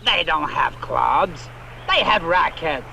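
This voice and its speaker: An actor playing a goofy, excitable, scheming sidekick in an old comedy film, with an American accent. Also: male voice, a little high, takes it slowly, creaky, heavily acted. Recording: noisy old film soundtrack.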